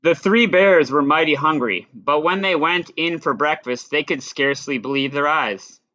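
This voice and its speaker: A man reading a picture book aloud to children, expressive and playful, with dry asides. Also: fairly high pitch, moderate pace, no echo, lo-fi sound. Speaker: storyteller.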